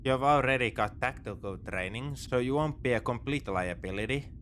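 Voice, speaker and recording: In a sci-fi ASMR roleplay, a man plays a space pirate captor who is soft-hearted despite himself, addressing the listener in an exasperated, dismissive and teasing manner. His natural voice sits at medium pitch and moves at a normal speed, with a wry, practical mood. There is slight background noise.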